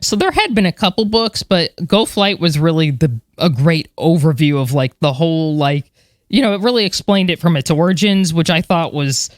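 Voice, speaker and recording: A woman's voice: sits low, expressive, normal speed, dry recording, studio quality. A woman co-hosting a podcast, chatting animatedly about space history with lots of fillers. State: moved, a little emotional. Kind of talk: casual chat.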